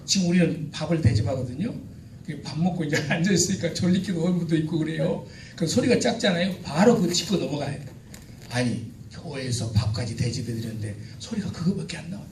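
A middle-aged man leading a joking, teasing seminar for a church crowd, sometimes shouting out cheers for the audience. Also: a little high, fast talker. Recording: echoey hall, distant mic, noisy.

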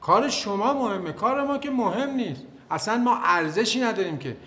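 An actor playing a touchy building janitor in a sitcom, sarcastic, self-pitying and mock-grateful. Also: male voice, sits high, animated, fairly bright tone. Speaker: building cleaner. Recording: roomy set with faint music.

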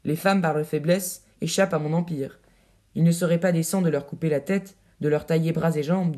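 A swaggering captain full of pompous bluster, voiced by a man reading an audiobook. The voice sits high yet sounds dark and mellow. He boasts in grand, puffed-up phrases. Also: natural voice.

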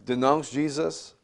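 A man's voice: mid-range voice, vocal fry. Emphatic fifties man lecturing from a lectern. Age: 50s. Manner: emphatic, repeats phrases, rhetorical questions. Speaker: Bible teacher. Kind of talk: classroom Bible lecture.

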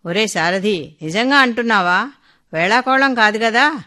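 Woman voicing older father, anxious, remorseful, doubtful, bright sharp tone, storybook reading. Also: a little high, lively intonation, measured pace. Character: older man, guilt-ridden anxious father.

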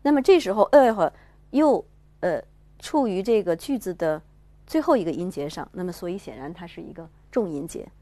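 A woman's voice: on the low side, animated, warm tone, no echo. Patient woman teaching pronunciation. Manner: patient, explanatory, models words slowly. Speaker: French teacher. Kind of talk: pronunciation lesson.

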